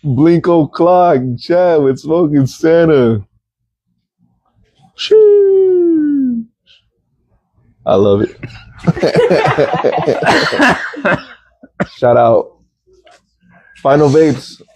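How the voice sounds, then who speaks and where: A man's voice: a little high, wildly swooping pitch, drawn-out words, long pauses, darkish tone, slightly rough, no room sound, poor audio. A man chatting as a guest, laid-back and giggly, hyping things up and repeating catchphrases. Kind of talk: casual chat.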